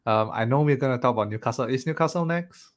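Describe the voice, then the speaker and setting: Male podcast co-host, relaxed and analytical, lots of hesitations. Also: mid-range voice, fast. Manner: thoughtful, hesitant, many "um"s and "right?". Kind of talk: casual chat.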